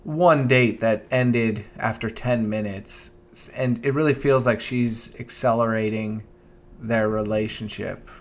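A young man co-hosting a podcast in casual chat, thoughtful and earnest, often restarting and letting phrases trail off softly. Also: fairly low pitch, steady tone, measured pace. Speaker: podcast co-host.

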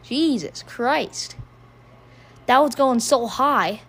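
A woman's voice: a little high, expressive, very slow, fairly bright tone, husky. A woman doing casual amateur hockey play-by-play, profane and rambling, laughing at her own jokes.

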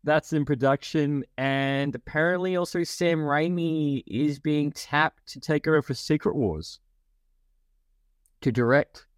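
A man's voice: a little high, measured pace, clean tone, no room sound, clean studio sound. A man co-hosting a casual podcast, talking animatedly and acting out quotes in a raised voice. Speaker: podcast co-host.

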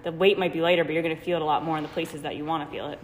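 Low-voiced woman hosting from an echoing gym. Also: fairly even intonation, rapid-fire. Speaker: fitness coach hosting a podcast. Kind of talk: casual podcast chat. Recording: echoing gym, long reverb, faint rumbling noise.

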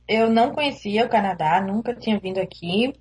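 A young woman from Recife with a Pernambuco Brazilian Portuguese accent chats as a guest in a casual interview over a remote call. Her mid-range voice is expressive, a little fast, and a little mellow, with slight background noise. She sounds hesitant and laughs easily.

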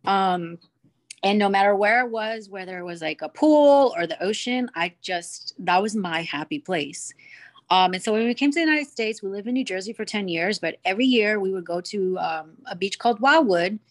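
A young woman from Cuba speaks as a podcast guest in an easygoing, bubbly voice of middling pitch. She rambles happily, leaning on fillers as she talks. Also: animated, normal speed. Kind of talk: casual chat.

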